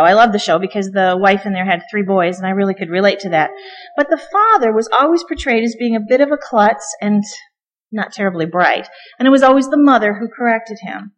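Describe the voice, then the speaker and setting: Chatty woman preaching in a reverberant church. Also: on the high side. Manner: chatty, joking asides, frequent ums. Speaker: guest preacher. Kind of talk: conversational sermon. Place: church sanctuary. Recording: long reverb of a church hall.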